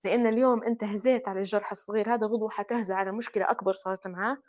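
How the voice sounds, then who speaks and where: Woman, Libyan accent, rapid speech, dry close sound, explanatory with filler pauses. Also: medium pitch, fairly even intonation, darkish tone, no echo, muffled recording. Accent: Libyan Arabic. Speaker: psychologist guest. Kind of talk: panel discussion.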